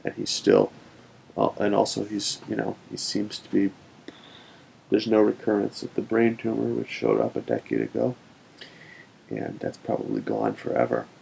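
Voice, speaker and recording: Very gravelly, drunk young man rambling. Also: a little mellow, rough recording. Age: young adult. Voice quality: gravelly, creaky. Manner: drunk, meandering, with long pauses. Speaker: vlogger. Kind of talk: rambling casual webcam vlog. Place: small wood-panelled room, indoors. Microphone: built-in webcam laptop microphone. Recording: faint noise, low rumble.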